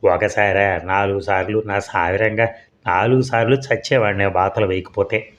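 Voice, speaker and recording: A man reading the lines of a brash, boastful little schoolboy who talks loudly and cockily. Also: lowish voice, steady tone, moderate pace, close to an everyday voice. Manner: loud, cocky. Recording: dull lo-fi audio.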